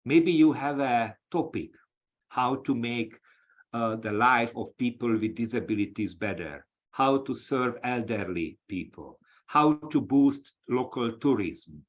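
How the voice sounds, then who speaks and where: A man from Hungary with a Hungarian accent, an associate professor giving a lecture-style webinar talk, speaking haltingly with many restarts over a video call. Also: medium pitch, animated. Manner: halting, with frequent restarts and fillers. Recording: dull, lo-fi audio.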